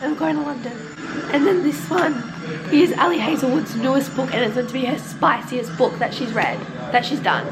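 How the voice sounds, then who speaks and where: Hoarse young woman vlogging. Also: high voice, lively intonation, moderate pace, noisy background. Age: early 20s. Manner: chatty, gushing. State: losing her voice, hoarse. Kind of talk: casual vlog chat. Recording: background music.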